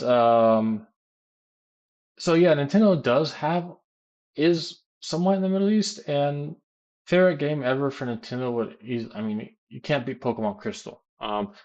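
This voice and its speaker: American guy rambling on a live stream, lots of ums, medium pitch. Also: dull audio. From United States. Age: adult, works as a teacher. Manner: rambling, many fillers and restarts. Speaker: gaming streamer answering chat questions. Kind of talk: casual live-stream chat.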